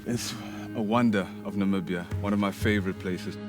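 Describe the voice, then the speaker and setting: A man's voice: lowish voice, steady tone, a little fast, music in the background. A man working as a local guide, casually explaining things on location.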